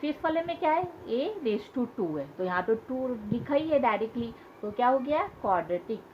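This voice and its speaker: Patient woman teaching maths, slightly high voice. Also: very animated, moderate pace. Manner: patient, repeats key points with questions. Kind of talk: classroom maths lesson. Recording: dull lo-fi sound with faint hiss.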